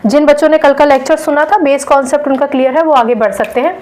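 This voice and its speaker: A woman's voice: high-pitched, steady tone, fast talker, darkish tone, a little hiss or hum, rough recording. A woman teacher giving a lecture in an explanatory way, often checking in with her students. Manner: explanatory, checks in with "theek hai". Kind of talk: classroom lecture.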